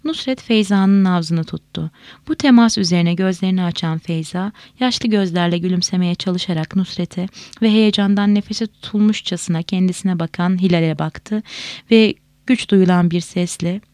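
A woman reading a novel aloud in a measured, expressive way. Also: lowish voice, dry recording. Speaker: audiobook reader.

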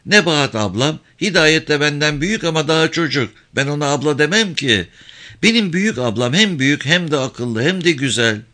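A bold little girl of nine chatters on with earnest insistence, as a male audiobook reader puts her on. The voice sits high and bright, with lively swings in pitch. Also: a little fast. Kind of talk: audiobook character reading.

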